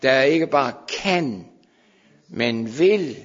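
A man preaching a sermon, moving between hushed, slow pleading and raised, urgent calls to his listeners. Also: medium pitch, lively intonation, breathy edge. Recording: dull sound with long hall reverb.

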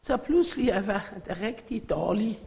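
A middle-aged woman from Iran, giving an emotional church faith testimony in halting phrasing. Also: mid-range voice, lively intonation, gravelly, warm tone. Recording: echoey hall.

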